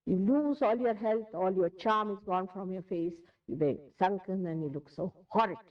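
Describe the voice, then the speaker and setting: A woman's voice: medium pitch, normal speed, recorded from a distance. Indian woman, spiritual teacher, emphatic lecture style with repeated phrases, voice set back from the mic on a dull lo-fi 1981 tape.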